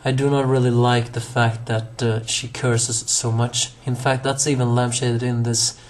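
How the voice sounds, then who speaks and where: A hoarse young man talks over an anime episode on his own in a rambling review, stumbling into fillers, restarts, and self-corrections. His medium-pitched delivery is flat and measured in pace.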